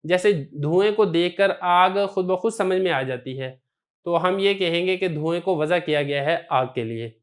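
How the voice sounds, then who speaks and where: A man teaching a recorded lesson, explaining step by step and answering the questions he poses himself. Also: high voice. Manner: methodical, poses questions then answers them. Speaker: teacher of Arabic grammar.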